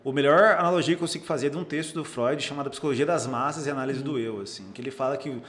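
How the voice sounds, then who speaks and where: A man's voice: mid-range voice, racing. A young Brazilian man, a psychologist, chatting casually on a podcast and acting out the remarks he quotes. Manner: animated storyteller, acts out quoted remarks, frequent restarts. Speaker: psychologist guest.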